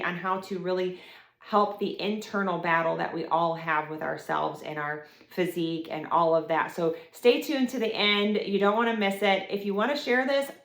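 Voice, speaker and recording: A woman hosting a casual podcast chat, talking in a chatty, gushing way with quick asides. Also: mid-range voice, a bit bright. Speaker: podcast host. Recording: echoey room.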